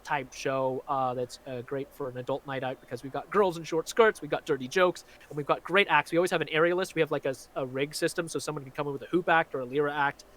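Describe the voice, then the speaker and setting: A Scottish magician chats casually on a live stream, his faint Glaswegian accent blended with American speech. His slightly high, somewhat bright voice stays steady in tone as he talks fast with few pauses, rambling with lots of fillers.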